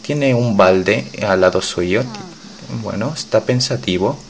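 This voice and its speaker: Low-voiced man narrating a reaction. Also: slow pace. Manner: joking, narrates what he sees, voices the characters' lines. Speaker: podcast host reacting to anime. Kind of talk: live reaction commentary.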